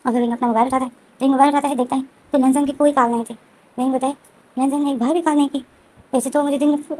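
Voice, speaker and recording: Fast, high-voiced woman retelling a story. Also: warm tone, low-quality recording. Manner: repetitive, frequent restarts and fillers. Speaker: story explainer. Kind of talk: casual storytelling recap.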